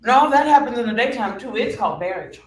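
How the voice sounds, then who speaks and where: Guy playing a sly mocking god, lively bouncy voice, echoey far-off stage mic. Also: very high voice, quick pace, slight background noise. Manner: teasing, witty, sing-song wordplay. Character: sly mocking young male god, playful trickster. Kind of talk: stage reading of a musical play. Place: theater stage. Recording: roomy echo from a distant mic.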